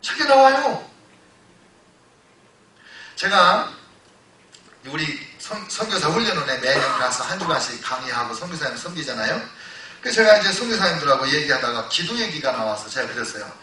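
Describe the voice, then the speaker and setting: A man as a storytelling pastor with a sharp, ringing, fairly high voice, heard from back in a very echoey church hall. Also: very animated, moderate pace, distant mic. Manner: storytelling, swings from loud exclamations to hushed retelling. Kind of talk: sermon.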